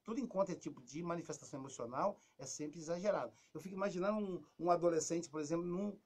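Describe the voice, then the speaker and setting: Speaking at a quick pace with a breathy edge, a Brazilian Portuguese-accented man offers casual talk-show advice. He performs quoted lines with lively energy, sometimes sinking to a soft, low voice.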